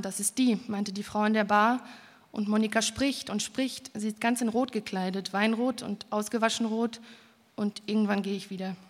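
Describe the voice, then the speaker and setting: Woman narrator, fairly high voice, calm literary reading, long reverb around her. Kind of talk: literary first-person reading.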